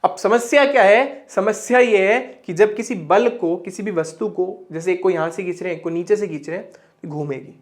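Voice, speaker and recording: A man's voice: high-pitched, moderate pace. A young man teaching a physics lesson at a board, chatty, asking and answering his own questions and repeating words for emphasis.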